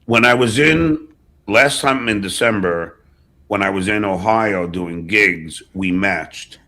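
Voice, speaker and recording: Swearing freely and speaking bluntly, a man hosts a casual livestream chat. His voice is lowish, slow, and pushed with a bright edge.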